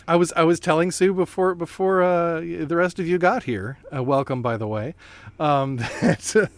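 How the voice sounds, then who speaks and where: A man's voice: fairly high pitch, moderate pace, no echo. A man hosting a podcast in a casual chatty way, full of fillers, restarts and playful asides. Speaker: podcast host.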